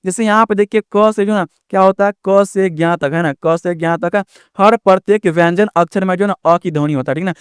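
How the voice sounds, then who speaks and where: A man's voice: high voice, fairly even intonation, fairly quick, clear, resonant tone, dry recording, clean studio sound. A man teaching viewers a lesson, often checking in with the class and stretching out vowel sounds to show pronunciation. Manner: repetitive, checks in with "ठीक ना" often. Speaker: online tutor.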